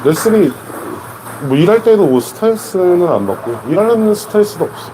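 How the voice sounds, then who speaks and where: A man in his thirties who coaches table tennis chats laid-back on a live stream, repeating short phrases. His voice sits high and mellow with big pitch swings at a normal speed, over noisy live-stream audio.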